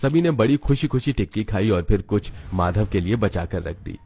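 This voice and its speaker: Reading from a script, a low-voiced man narrates a children's cartoon story in a storybook style. His delivery is animated yet dark in tone, slightly rough, and moderately paced.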